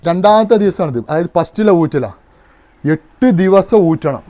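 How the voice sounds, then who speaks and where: High-voiced man. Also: expressive, moderate pace, warm tone. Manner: explains step by step, keeps asking if you understand. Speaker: home arrowroot powder maker demonstrating. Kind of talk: casual hands-on demonstration.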